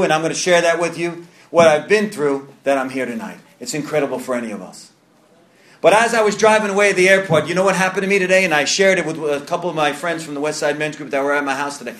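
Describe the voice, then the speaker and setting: In an echoey meeting room, a slightly high-voiced man in his thirties speaks to a recovery group. His New York accent comes through as he offers earnest personal testimony, repeating and restarting phrases often.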